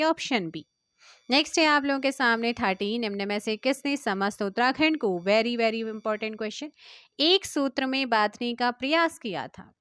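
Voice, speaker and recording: A woman teacher with an Indian Hindi accent reads through exam questions at a brisk pace and keeps pressing her viewers for answers. Her voice sits a little high and sounds smooth and clear. The recording is close and dry, with no room sound. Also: fairly bright tone, dry recording. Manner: brisk, quizzing viewers and urging them to comment. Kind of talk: quiz-style exam prep lesson.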